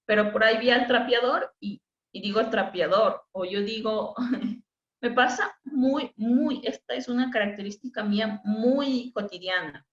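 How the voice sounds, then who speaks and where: A woman's voice: a little high, fairly bright tone. A woman giving an informal webinar lecture with an Ecuadorian Spanish accent, talkative, often restarting and correcting her words as she tells anecdotes. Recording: echoey, dull webinar audio.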